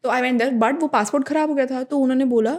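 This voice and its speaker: Brief: young woman co-host, bright higher voice, lively storyteller who acts out both sides of an argument. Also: fast talker. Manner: animated storytelling, acts out quoted exchanges with big pitch jumps; mixes Hindi and English freely. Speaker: podcast co-host. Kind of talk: casual chat.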